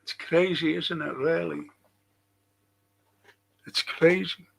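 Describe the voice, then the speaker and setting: Reading viewer comments on a casual livestream, the host is an Englishman with a Liverpool accent who rambles and repeats phrases for emphasis. He takes it slowly, his voice a little high and a bit bright, with vocal fry and a steady tone.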